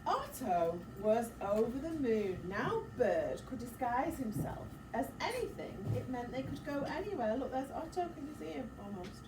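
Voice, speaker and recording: With hardly any pauses, a woman teacher with a high voice reads a picture book to children at a moderate pace. She performs it expressively, gasping dramatically and stopping for encouraging prompts and asides. Captured on a distant mic in a roomy space, the recording has clear background noise.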